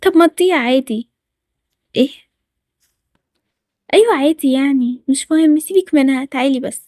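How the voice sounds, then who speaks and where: A woman with an Egyptian accent voicing a brisk, friendly girl who hosts her friend, in a cartoon story. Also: high voice, darkish tone, dry recording, clean studio sound, close to an everyday voice. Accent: Egyptian Arabic. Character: cheerful girl friend Tara, host of the visit.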